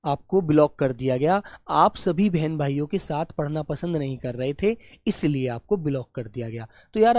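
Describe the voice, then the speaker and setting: A man teaching a live online exam class in a patient, coaxing way. He repeats every question to his pupils and calls them "beta." He scolds them gently. His voice sounds close and dry, with no room sound around it. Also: sits high, no room sound. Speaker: Hindi teacher.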